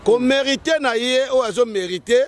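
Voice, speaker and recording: Speaking briskly with an extremely high pitch, a male guest from the Democratic Republic of the Congo discusses politics in a Congolese French accent. His tone is heated and emphatic, and he keeps repeating his points.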